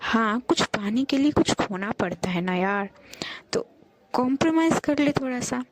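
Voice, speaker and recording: A woman's voice: a little high, animated, normal speed. A woman voicing a blunt, teasing young female student, the heroine's best friend in a storybook tale.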